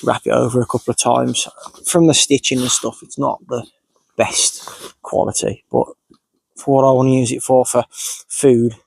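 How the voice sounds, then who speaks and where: Sniffly, creaky-voiced man vlogging outdoors. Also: mid-range voice, little pitch movement, moderate pace, dry recording. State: sniffly from a cold. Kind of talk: casual, unscripted narration while doing tasks. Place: outdoors in countryside.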